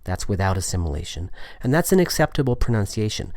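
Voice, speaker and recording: Low male podcast teacher, methodical explainer, dry booth sound. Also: very animated, fast talker, darkish tone, dry recording. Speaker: language teacher podcast host. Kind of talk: explanatory lesson monologue.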